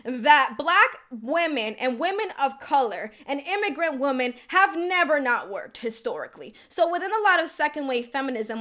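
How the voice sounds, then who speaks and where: A woman's voice: high-pitched, bright, forceful tone. A young woman born in the Dominican Republic giving casual reaction commentary, chatty and full of "like" fillers. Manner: chatty, heavy use of "like" as filler. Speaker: video commentator.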